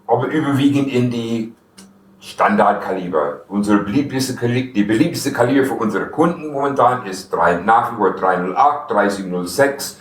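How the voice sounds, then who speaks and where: A man's voice: mid-range voice, normal speed. A man, an export manager from the United States with a Franconian-tinged German accent, explaining rifle features step by step in a product demonstration. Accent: American with a Franconian German dialect. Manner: explains technical details step by step, some grammar slips. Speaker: export manager of a gun maker. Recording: roomy, distant field recording with faint noise.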